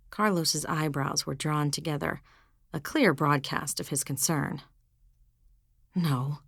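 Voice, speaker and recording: Low, gravelly woman narrator. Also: no room sound, studio quality. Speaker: audiobook narrator. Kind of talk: scripted narration.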